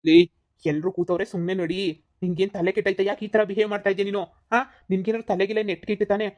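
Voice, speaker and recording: A woman voicing a short-tempered middle-aged husband, scolding rapidly in a cartoon comedy. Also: mid-range voice, flat delivery, darkish tone, natural voice. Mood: angry. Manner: scolding, rapid, repeats insults.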